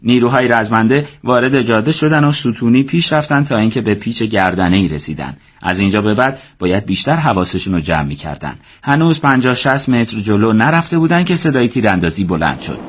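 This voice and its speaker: A man narrating a war story as scripted audiobook narration, in a steady, measured way. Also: fairly low pitch, slightly rough.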